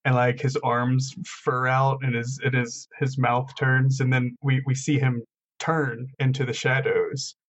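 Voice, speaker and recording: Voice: medium pitch, flat delivery, a little slow, highs cut off. A player in a tabletop role-playing game, describing his character's actions in a rambling way full of fillers.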